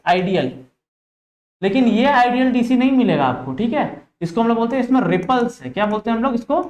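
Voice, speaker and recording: A man's voice: extremely high pitch, animated, a little fast, darkish tone, dull audio. An Indian man teaching a live online class, quizzing students and repeating short check-ins as he explains. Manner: interactive, repeats "ठीक है" and "देखिएगा", drills students with questions. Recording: echoey room.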